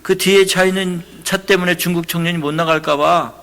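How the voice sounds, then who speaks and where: A middle-aged pastor from Korea preaches a sermon, his high, bright voice carrying a gravelly edge. He tells his stories conversationally, then climbs into loud, driving preaching. He is picked up by a church microphone. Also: fairly even intonation, a little fast.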